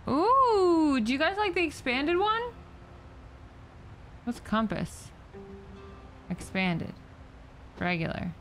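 A woman's voice: high voice, very animated, slow, pauses often, a bit bright, faint music behind. A young woman in her twenties with a South African accent, chatting as she plays a game. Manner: chatty, easily amused. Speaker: streamer. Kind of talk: gameplay commentary. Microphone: close desk mic.

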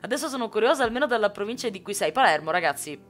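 A woman from Sicily streams a survival game, talking casually and joking with her viewers as she reacts to their comments. Her voice sits at an ordinary middle pitch. Faint background music plays under her talk. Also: lively intonation, racing. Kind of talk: casual live gameplay chat.

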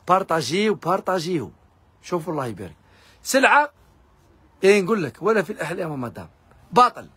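A man with an Algerian accent, pitching fabric discounts in a pushy live sales video. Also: a bit bright, breathy edge, no room sound. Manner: rapid, pushy hawking to viewers. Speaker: fabric shop seller.

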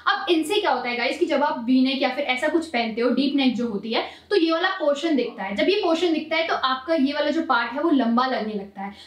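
Young woman, fashion vlogger, chatty, high voice, echoey room. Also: lively intonation, a little fast, hardly any pauses. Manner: chatty, mixes English into Hindi, addresses viewers as guys. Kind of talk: casual tips vlog. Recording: roomy echo, from a distance.

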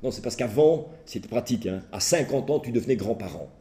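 A middle-aged man who works as a therapist gives a humorous lecture, telling lively stories and mimicking the voices of the characters in them. His voice is mid-range, and he speaks fairly quickly.

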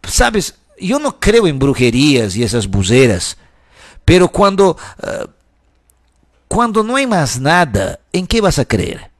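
A man slowly telling a personal story in the first person, halting and conversational. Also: fairly high pitch, wildly swooping pitch. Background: music.

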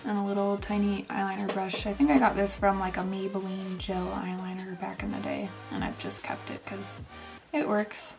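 A woman's voice: medium pitch, gravelly. A young woman narrating a makeup tutorial in a casual, step-by-step way, sometimes dropping to a near whisper. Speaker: makeup vlogger.

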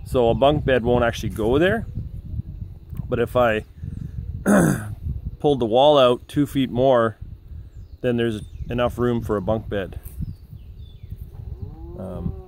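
Outdoors against a noisy background, a middle-aged man with a mid-range voice gives a casual walkthrough of his timber house frame, filmed on a handheld camera. This vlogger rambles through the tour with lots of filler words.

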